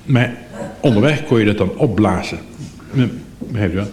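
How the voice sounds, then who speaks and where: A man's voice: lowish voice, expressive, normal speed, a little mellow. A man telling a comic monologue in a droll, mock-formal way, heard on an echoey, noisy archive recording. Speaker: comic storyteller.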